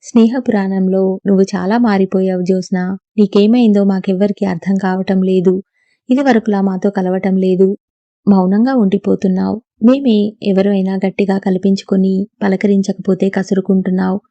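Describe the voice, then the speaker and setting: A woman's voice: mid-range voice, fairly even intonation, normal speed, dark tone, no echo, muffled recording, close to an everyday voice. A woman voicing a teasing but caring young female college student who coaxes her friend in a playful, earnest way. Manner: playful, coaxing.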